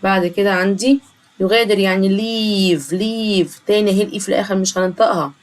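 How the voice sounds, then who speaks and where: A woman with an Egyptian Arabic accent, teaching a children's English lesson and slowly repeating each English word. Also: medium pitch. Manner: slow, drawn-out repetition of English words.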